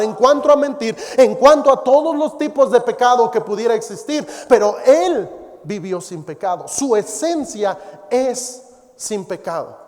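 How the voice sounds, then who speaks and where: A man preaching a sermon as pastor, dropping to soft, low emphasis on key words and reading scripture aloud. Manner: quotes scripture and mimics others in a raised voice. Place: church. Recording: long hall reverb.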